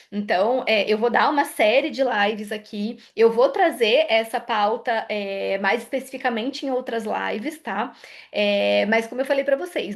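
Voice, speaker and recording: Brazilian female psychologist, higher-pitched voice, conversational live explainer. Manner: explanatory, acts out parent and child dialogues; frequent "né?" and "tá?" tag questions. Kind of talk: live parenting talk.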